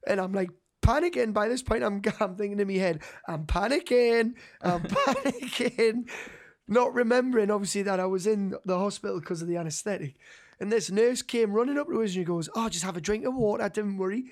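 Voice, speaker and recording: A man's voice: sits high, fast talker. Geordie man telling a sweary story. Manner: sweary, slangy, animated storytelling that acts out quoted dialogue. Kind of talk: casual anecdote among friends.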